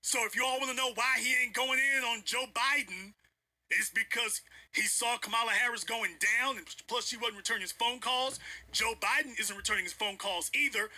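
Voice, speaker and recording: A man with a high, piercingly bright voice and a husky rasp delivers a livestream commentary rant. He talks in an emphatic, preachy, confrontational way and hammers points home by repeating them. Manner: emphatic, repeats lines for effect. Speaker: online political commentator.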